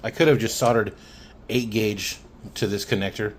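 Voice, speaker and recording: A hobbyist demonstrates radio wiring in a plain, matter-of-fact, hands-on explanation. His low-leaning voice has fairly even intonation and a moderate pace, captured on a phone with background noise.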